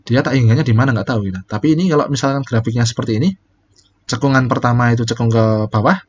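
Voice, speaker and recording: A man with a medium-pitched voice teaches calculus in a recorded lecture, walking through it step by step in a casual way, full of fillers and frequent self-corrections. The audio has its highs cut off and carries a little hiss or hum.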